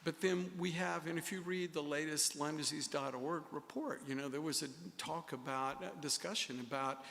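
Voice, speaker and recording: A male public health official speaking in a measured, hesitant way at a formal meeting. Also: a little high, gravelly, a bit bright, big-room sound, slight background noise. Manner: measured, hesitant, many fillers.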